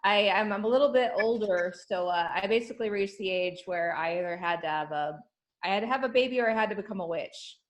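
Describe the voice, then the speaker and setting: A woman's voice: medium pitch, quick pace, rough recording. A middle-aged woman doing dry stand-up comedy over a video call, with lots of laughing and filler words. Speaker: comedian guest.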